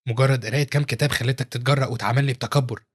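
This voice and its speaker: A man's voice: medium pitch, steady tone, rapid-fire, close to an everyday voice. A man with an Egyptian accent voicing an arrogant male demon boss who speaks haughtily and with irritation. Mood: haughty. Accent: Egyptian Arabic.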